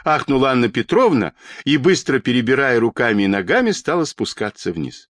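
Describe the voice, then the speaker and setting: A man narrating a children's storybook in an expressive, animated reading. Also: medium pitch, brisk, dry recording.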